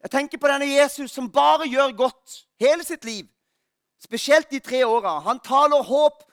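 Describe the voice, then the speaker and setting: Pastor guy preaching easter, really high voice, dry sound, jokes about himself. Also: dry recording. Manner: lively storytelling, self-mocking humor. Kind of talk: Easter sermon.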